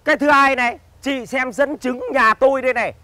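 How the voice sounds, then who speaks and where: A man's voice: very high voice, fairly even intonation, brisk, pushed and bright, dry recording. A man playing a self-important old village man who scolds and lectures with proverbs. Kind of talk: comedy sketch acting.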